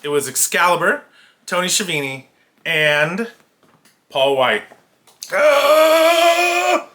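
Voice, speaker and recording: A man with a bright, fairly high voice co-hosts a casual wrestling podcast. He talks in an easygoing way, often pausing on uhs as he gathers his thoughts. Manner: easygoing, hesitant, many uhs. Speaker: podcast co-host. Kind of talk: casual wrestling recap chat.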